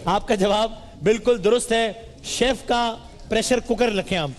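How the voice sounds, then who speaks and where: A man hosting a live studio quiz, teasing and bantering quickly with the audience. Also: high-pitched, noisy background. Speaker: game show host. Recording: roomy hall with music and crowd.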